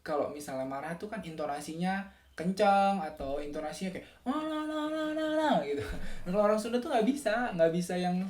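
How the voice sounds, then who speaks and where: A young man from West Java talking casually on a solo podcast. He is animated, laughs often, and slips into sing-song imitations. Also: on the high side, reverberant. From West Java, Indonesia. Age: young adult. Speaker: student podcaster.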